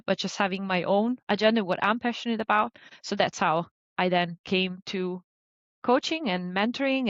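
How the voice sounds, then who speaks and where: A woman in her thirties from Italy, a business coach talking about her career in a relaxed, chatty way with many fillers. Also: mid-range voice, dry recording, dull audio. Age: 30s. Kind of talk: conversational interview.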